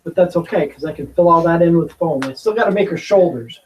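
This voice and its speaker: Guy doing a chill prop-building stream in his workshop, kinda high voice, lots of ums while he works. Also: quick pace, background noise. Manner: easygoing, rambling, talks while working with hesitations. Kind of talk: casual livestream craft tutorial. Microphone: camera on a desk he moves around.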